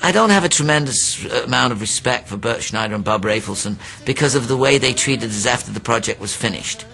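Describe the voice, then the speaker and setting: A man's voice: medium pitch, animated, a little fast, vocal fry, bright, forceful tone, rough recording. A man in an interview, speaking bluntly and reflectively with some fillers. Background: music.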